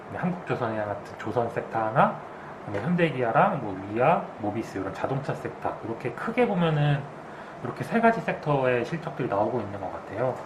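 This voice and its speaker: Man explaining finance over clear background hiss. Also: mid-range voice. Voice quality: speaking through a face mask. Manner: explanatory, hedges his word choices. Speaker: co-host and market commentator. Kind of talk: unscripted financial commentary. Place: makeshift indoor room, not a studio. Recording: clearly noisy, air conditioner hiss.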